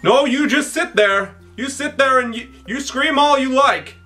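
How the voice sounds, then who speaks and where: A man putting on a shrill mocking parent. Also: unhurried, sharp tone, soft background music, full character voice. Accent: attempted Canadian. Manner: mocking, exaggerated high voice.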